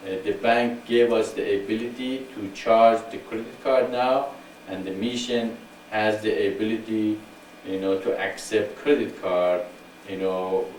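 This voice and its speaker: Lowish guy running an online spiritual meetup, slow careful talk, far from the mic, echoey. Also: a little mellow. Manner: slow, deliberate, repeats himself to be understood. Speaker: spiritual teacher hosting an online satsang. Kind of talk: casual online conference talk. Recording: echoey room, far from mic, faint hiss.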